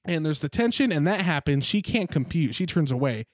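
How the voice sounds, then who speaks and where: A man co-hosting a podcast, telling a workplace story in a casual, profane, animated way. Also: fairly high pitch, brisk, no room sound, clean studio sound. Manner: animated, profane, quotes coworkers in put-on voices. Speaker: podcast co-host.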